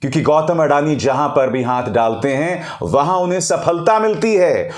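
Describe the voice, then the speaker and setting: A male news commentator delivers pointed political commentary in a fairly high voice, leaning hard on each point and calling out to his audience as friends. The sound is roomy, with a noticeable echo around him. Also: animated, moderate pace. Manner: emphatic, often addresses viewers as friends.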